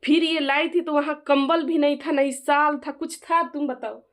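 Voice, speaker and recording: A woman's voice: high voice, fairly even intonation, moderate pace, a bit bright. A middle-aged woman with an eastern Hindi accent from Jharkhand, talking heatedly in a family vlog and insisting others back her up. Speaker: vlogger and mother of the bride.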